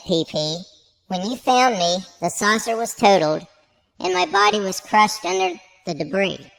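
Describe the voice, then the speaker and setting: A woman's voice: mid-range voice, creaky, low-quality recording. Woman voicing a prim alien head. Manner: formal, stilted phrasing. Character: male alien head on life support, Elvis fan. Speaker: co-host. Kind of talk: comedic sketch acting.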